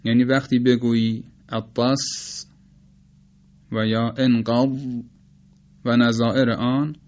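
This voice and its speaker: Male lecturer, Persian speaker, unhurried teaching tone, models sounds slowly, mid-pitched, slightly muffled recording. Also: a little mellow. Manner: measured, explanatory, demonstrates sounds slowly. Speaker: teacher of Quranic recitation. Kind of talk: spoken lecture on phonetics.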